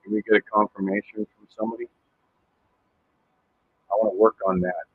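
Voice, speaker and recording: A man with a very deep, husky voice hosts a casual livestream and runs quick audio checks for his viewers. His sound echoes as if he were speaking inside a tunnel. The line is thin and phone-like. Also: little pitch movement. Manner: testing his audio and addressing viewers directly. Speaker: livestream host.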